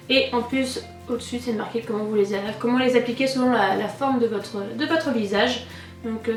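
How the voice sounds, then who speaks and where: A woman with a French accent from France, chatting enthusiastically through an unboxing, her voice thick with a cold and sore throat, as if her tonsils were swollen. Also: on the high side. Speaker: beauty vlogger and cosmetics brand ambassador. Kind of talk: casual chatty unboxing narration. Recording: roomy echo, distant mic, music.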